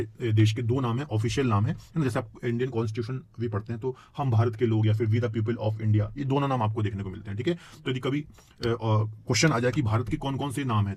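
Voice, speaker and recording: A man's voice: medium pitch, a little mellow, slight background noise. A man teaching a geography lesson to students, explaining with questions he answers himself and tagging his lines with "है ना". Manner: explains with questions, frequent tag "है ना". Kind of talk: classroom lecture.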